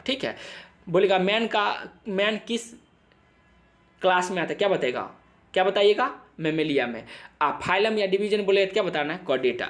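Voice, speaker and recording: A young man teaching biology for an exam, his voice sitting a little high for a man. He fires question after question and answers them himself, stumbling through English textbook lines. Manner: drills students with repeated questions and answers; switches between Hindi and halting read-aloud English. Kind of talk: exam-prep lecture.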